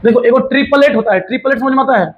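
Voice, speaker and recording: A maths teacher gives a casual classroom explanation in a colloquial, teasing way, often answering his own questions as if a student had asked them. His voice is extremely high-pitched and rapid-fire, and the recording has the highs cut off, with a little hiss or hum.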